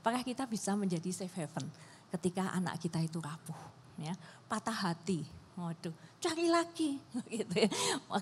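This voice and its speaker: Middle-aged woman seminar speaker, husky voice, casual and rambling, full of fillers. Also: medium pitch, in a large hall. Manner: chatty, many fillers and self-corrections. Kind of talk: church family seminar talk. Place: church hall.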